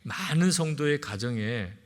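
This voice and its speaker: A middle-aged male pastor preaching a sermon in a lively way, acting out the voices of parents he quotes. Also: fairly high pitch, a little slow. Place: large church sanctuary. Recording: long hall reverb.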